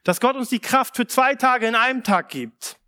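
A man preaching a sermon. He reads a Bible passage aloud, then explains it in a calm, measured way, mixing in casual asides. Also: extremely high pitch.

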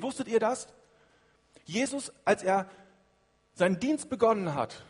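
Male preacher, high voice, husky, lively sermon delivery. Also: in a large hall. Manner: animated, shifting between loud emphasis and hushed lines.

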